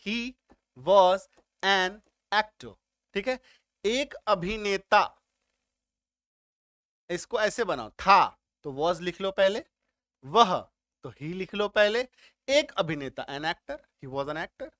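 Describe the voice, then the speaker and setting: A man with a high voice teaches an English grammar lesson at an unhurried pace. He walks through each step and keeps asking whether the point is clear. The recording is dry and close, with no room sound. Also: big pitch swings, a bit bright, no room sound. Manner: explains step by step, keeps checking if students understood.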